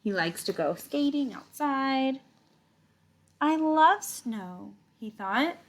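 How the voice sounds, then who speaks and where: This woman's voice sits high and moves at a slow pace as she reads a picture book aloud to kids. Teacher-like, she elongates words, performs the story animatedly, and breaks off to chat and explain things to the children.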